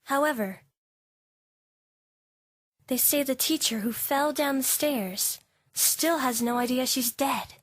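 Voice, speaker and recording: Sitting high in pitch, a woman's voice narrates a dramatic ghost story as a teenage schoolgirl who scares easily, part of an anime fandub. She keeps it hushed, slow and ominous for an eerie feel, in a dry, studio-quality recording with music underneath.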